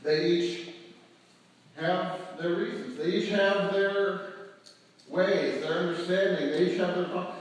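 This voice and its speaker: A man's voice: sits high, steady tone, takes it slowly, long pauses. Male pastor preaching in echoey church. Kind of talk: sermon. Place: church sanctuary. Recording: distant, echoey church hall.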